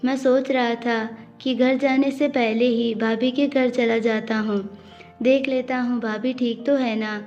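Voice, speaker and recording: A woman's voice: fairly high pitch, fairly even intonation, unhurried, darkish tone. A woman voicing a worried, loyal younger brother who speaks in a thoughtful, concerned way. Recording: dull audio with faint music.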